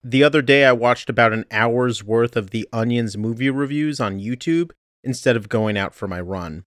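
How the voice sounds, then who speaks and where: A man's voice: mid-range voice, normal speed, a bit bright, no room sound. A man recording a casual podcast update from under a blanket, chatty and self-deprecating. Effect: recorded under a blanket, muffled and dry. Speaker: podcast host. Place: under a blanket at home during a heat wave.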